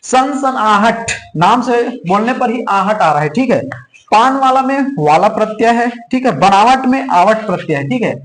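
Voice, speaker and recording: A man with a high-pitched, expressive voice teaches an online exam-prep class at a moderate pace, repeating key points again and again and constantly checking in with students, peppering his drills with "theek hai." The room is echoey and the audio quality is poor.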